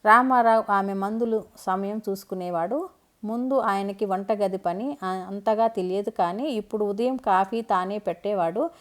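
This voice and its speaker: A woman reading a scripted family story aloud in a calm, even way. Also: medium pitch, normal speed.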